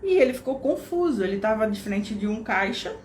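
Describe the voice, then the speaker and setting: A Brazilian woman instructor talks through a lesson at a middle pitch, with explanatory pacing and frequent check-ins with her audience. Her voice carries a roomy echo with a faint noise bed underneath. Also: lively intonation, fairly quick, a little mellow. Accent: Brazilian Portuguese. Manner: explanatory, uses tag questions like "né?" and "tá?". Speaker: course instructor. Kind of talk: online lesson. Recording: echoey room with faint background noise.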